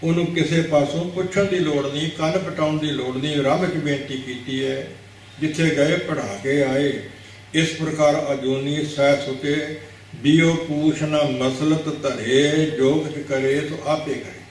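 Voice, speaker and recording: A man's voice: a little high, steady tone, measured pace, slight background noise. Man delivering a katha sermon in a big prayer hall; instructive, corrective delivery; recorded from a distance with strong room echo. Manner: didactic, repeats words to correct pronunciation; rhetorical questions to the audience. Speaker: Sikh preacher giving katha. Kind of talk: religious discourse explaining scripture. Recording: very echoey hall, mic at a distance.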